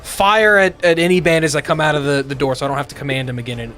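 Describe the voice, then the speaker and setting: A man's voice: on the high side, fairly even intonation, quick pace, bright, forceful tone. A man chatting casually as a player in a tabletop role-playing game. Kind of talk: casual chat. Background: background music.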